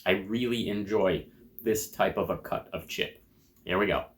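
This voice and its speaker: Speaking low-pitched, this man from the United States gives a relaxed, descriptive food review to the camera. He pauses to crunch and chew chips as he goes.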